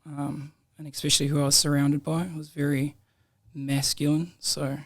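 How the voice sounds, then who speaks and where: This guest, a young man with a New Zealand accent, talks at a normal speed in a voice on the high side. In the podcast room he spins relaxed, slang-filled stories, laughing frequently.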